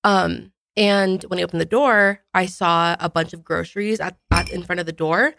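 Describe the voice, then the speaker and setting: A woman's voice: on the low side, steady tone, moderate pace, gravelly, a bit bright, a little hiss or hum. A young woman co-hosting a podcast, animatedly telling a story from her weekend. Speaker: podcast co-host. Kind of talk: casual storytelling.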